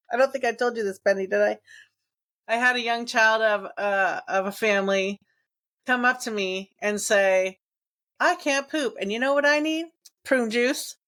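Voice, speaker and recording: A woman's voice: a little high, bright, forceful tone. A woman podcast host, upbeat, steering the talk to lighter stories. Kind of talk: casual podcast chat.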